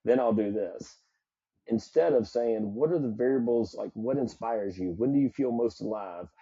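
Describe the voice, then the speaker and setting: A man's voice: mid-range voice, normal speed, dull audio, a crowd in the background. A middle-aged man from South Carolina with a Southern accent, a psychologist speaking earnestly and reflectively as a podcast guest. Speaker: psychologist and performance coach guest. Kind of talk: podcast interview.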